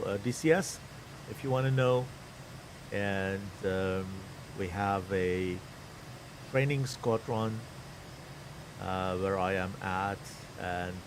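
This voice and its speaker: A fairly low-pitched man's voice comes through a noisy background. He's a middle-aged Iranian stream commentator, Persian by first language, unhurriedly thinking aloud while covering a live flight-sim tournament from home.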